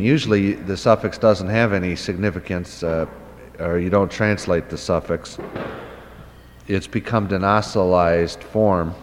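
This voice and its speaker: A man's voice: sits low, in a large hall. A man teaching a Hebrew Bible lesson off the cuff, thinking aloud with many fillers and asking and answering his own questions. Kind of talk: unscripted lecture.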